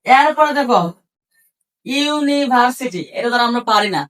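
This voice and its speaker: High-voiced woman teaching from afar. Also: moderate pace, a bit bright, far from the mic. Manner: asks the class questions and answers them herself; spells out words letter by letter. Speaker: English reading teacher. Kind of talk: classroom lesson.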